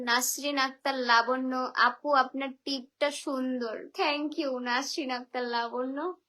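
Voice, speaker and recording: Woman from Barisal, phone livestream, high voice, unhurried, bantering with viewers. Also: pushed and bright. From Barisal region of Bangladesh. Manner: chatty, teasing replies to viewers. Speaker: live streamer. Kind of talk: reading viewer comments on a live video call.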